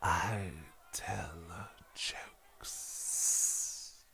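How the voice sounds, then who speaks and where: A man's voice: low-pitched, steady tone, very slow, vocal fry, pushed and bright, breathy edge, no echo, whispered, heavily acted. A man playing a gleeful, taunting supervillain clown with a theatrical, mocking drawl in an audio drama. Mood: sinister, teasing. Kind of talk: audio drama villain acting.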